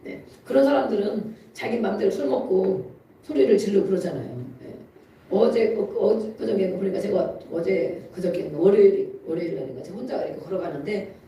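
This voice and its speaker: Preacher, conversational sermon, laughs often, bursts of emphasis, mellow voice, distant mic, very echoey church hall. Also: medium pitch, slight background noise. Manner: chatty storytelling with frequent laughs; rising to emphatic exhortation. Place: church sanctuary.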